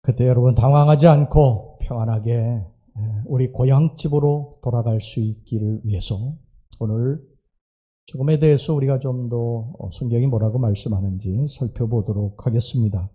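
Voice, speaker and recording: A male pastor preaching a Sunday sermon in a church. His voice is very dark and mellow, with a husky, breathy edge. He speaks slowly and earnestly, pausing often between phrases. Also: mid-range voice. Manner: slow, earnest preaching with pauses and hesitations. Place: church sanctuary.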